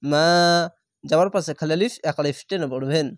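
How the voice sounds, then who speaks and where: A man with a high voice teaches Quran reading. He spells each syllable and then stretches out the recited word. The sound is dry and close, with no room echo. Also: very fast, darkish tone.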